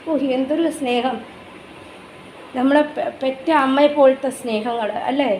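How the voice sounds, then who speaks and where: High-voiced doting Malayali woman. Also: steady tone, a little slow, darkish tone. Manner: doting baby talk mixed with chatty asides. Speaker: vlogger showing her pet dog. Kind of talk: casual home vlog, cooing to her dog. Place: home, kitchen area. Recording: echoey home room with faint background noise.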